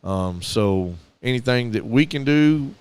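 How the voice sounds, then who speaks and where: A middle-aged man with a Southern American accent co-hosts a casual radio podcast, telling stories earnestly and restarting often. His medium-pitched voice is smooth and darkish. He speaks a little slowly, with lively intonation.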